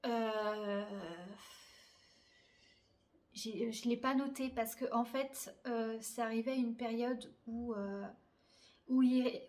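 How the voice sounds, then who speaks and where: Young woman rambling about crochet in her bedroom, fairly high voice, lots of ums, kinda slangy. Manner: chatty, many fillers, blunt slangy asides. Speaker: crafting podcaster. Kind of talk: casual chat.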